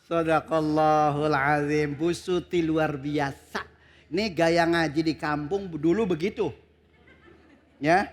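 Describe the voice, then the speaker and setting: A kiai from Kroya hosts a religious TV show in a high voice. He chats casually and jokes a lot, then slips into melodic chanting. He is recorded in a television studio. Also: fairly even intonation, takes it slowly. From Kroya, Central Java. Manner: playful, joking, breaks into sung recitation.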